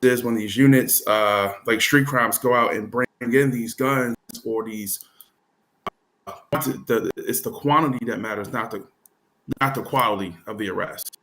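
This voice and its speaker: A man's voice: medium pitch, fairly bright tone, low-quality recording. Give me a man on a video call whose audio keeps cutting in and out, fading in volume. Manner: halting, many fillers. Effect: audio cutting in and out, volume dropping and uneven. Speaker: police lieutenant panelist. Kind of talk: live online panel discussion.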